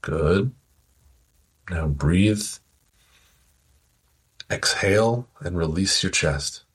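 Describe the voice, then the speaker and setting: A man slowly guiding a listener through a progressive muscle relaxation exercise with soothing, calm instructions. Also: sits low, slightly rough. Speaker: relaxation guide.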